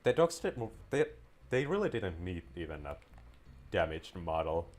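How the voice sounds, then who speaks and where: Commentating on his own gameplay, this native Finnish speaker has a deep, darkish voice and sounds very animated at an ordinary pace. He rambles in a relaxed let's-play style, drifting onto side topics and starting sentences over.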